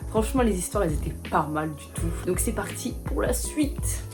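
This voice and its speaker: A young woman vlogging casually, chatty and self-mocking, quick to exclaim. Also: fairly low pitch, animated, music in the background. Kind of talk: casual vlog chat.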